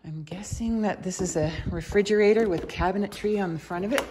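Speaking fairly quickly at medium pitch, a woman working as a real estate agent gives a casual, unscripted tour of a house, chatting and thinking aloud from room to room. She records on a handheld camera or phone she holds, and the walkthrough is clearly noisy.

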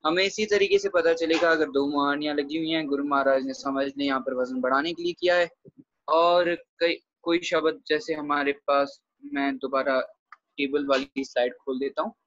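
Male teacher, slightly high voice, patient explainer, dry muffled video-call sound. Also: fairly even intonation, moderate pace, fairly bright tone, no echo. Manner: explains patiently, checks with frequent "theek hai". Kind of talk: online grammar lesson.

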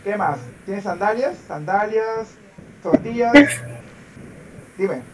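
Male teacher on a video call, high voice, unhurried, patient drilling; slightly distant mic with faint noise. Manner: patient, repeats words over and over for drilling. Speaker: English teacher. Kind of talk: online class.

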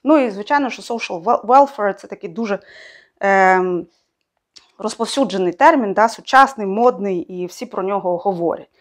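A young adult woman reviewing a book in a casual spoken way, hesitant and thinking aloud, often pausing on fillers and correcting herself. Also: mid-range voice.

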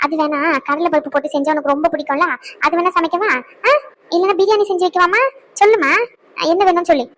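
A woman's voice: high voice, fairly bright tone. A woman voicing an older cartoon mother, pleading and coaxing her tearful daughter over the phone. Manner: pleading, coaxing, scolds herself. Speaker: cartoon voice actor. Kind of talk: cartoon skit voice acting.

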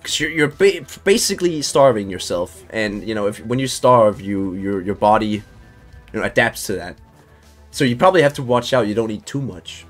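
A man's voice: on the low side, lively intonation, moderate pace, soft background music. A man casually chatting with viewers while streaming a game, loose and talkative, swearing and laughing now and then.

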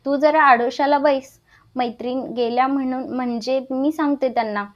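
A woman's voice: high-pitched, fairly even intonation, normal speed, muffled recording, lightly acted. A woman voicing a cautious young maidservant who speaks anxiously and earnestly in a storybook reading. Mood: wary.

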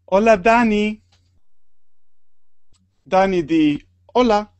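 Slow, patient Argentine man teaching. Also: sits high, darkish tone, smooth, no echo. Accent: Argentine Spanish. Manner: slow, patient, repeats words for learners. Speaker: Spanish teacher. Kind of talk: online group language lesson.

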